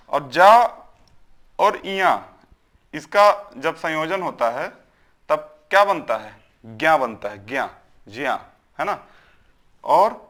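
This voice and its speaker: A male teacher with a voice pitched a little above the usual for a man. He runs a classroom grammar lesson, answering his own questions and sounding out syllable after syllable. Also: sharp tone. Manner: asks questions and answers them himself, drills syllables aloud; repeats checks like "is it not?".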